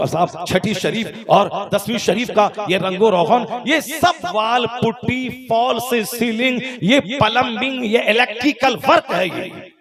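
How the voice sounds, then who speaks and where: Man, Islamic preacher, fiery sermon, high pitched, live gathering, crowd in background. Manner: fiery, rises in pitch and loudness on lists; drops to a low, quick aside to the audience. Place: outdoor religious gathering. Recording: live event with crowd noise.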